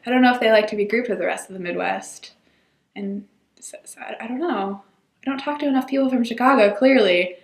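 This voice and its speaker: A woman's voice: on the high side, a little fast. Young woman student, casual rambling chat, roomy sound. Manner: chatty, rambling and self-deprecating.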